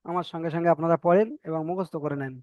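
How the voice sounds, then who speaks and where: A man with a Bengali accent gives a slow, patient lesson on the Arabic alphabet, drawing out each letter sound. His voice is clear and fairly high for a man. The recording is dry and a little muffled. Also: fairly even intonation, darkish tone, dry recording. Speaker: Quran reading teacher.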